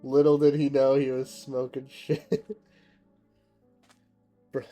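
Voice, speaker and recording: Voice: medium pitch, level tone, slow pace, dark tone, faint music behind. A streamer from Canada keeps up loose, casual commentary while building in a game. The talk is full of laughter and offhand swearing. Now and then the streamer reads chat messages aloud and answers them.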